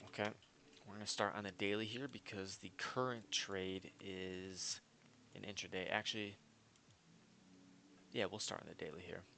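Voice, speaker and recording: A man's voice: low voice, fairly even intonation, moderate pace, gravelly, pauses often, pushed and bright, a little hiss or hum. A man walking through his trading chart analysis in a casual, confident and rambling way, with lots of fillers. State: hiccups. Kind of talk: casual screen-share market analysis.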